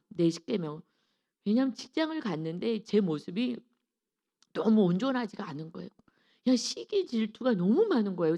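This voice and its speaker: A woman preaching a sermon in a church, telling personal stories with lively acted-out quotes and frequent laughs. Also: mid-range voice. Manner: laughs often while telling. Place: church sanctuary.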